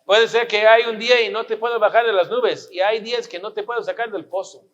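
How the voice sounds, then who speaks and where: A man's voice: high-pitched, steady tone, a little fast, a bit bright, lo-fi sound. A pastor preaching a sermon, pressing his listeners with rhetorical questions and repeating his points for emphasis.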